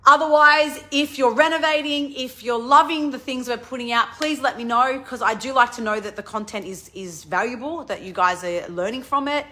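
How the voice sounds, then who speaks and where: A woman chats on a casual live stream about managing renovation projects. Her voice is bright and sits a little high, and she rattles along eagerly with lots of fillers and self-corrections. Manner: fast, excitable talk with many fillers.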